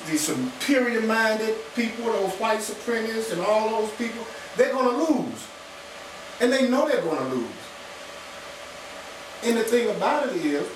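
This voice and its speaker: A man argues his views as a radio panelist. His high voice is emphatic and repeats phrases for stress. The sound is heavily echoey and noisy. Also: distant mic. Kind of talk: opinionated political discussion.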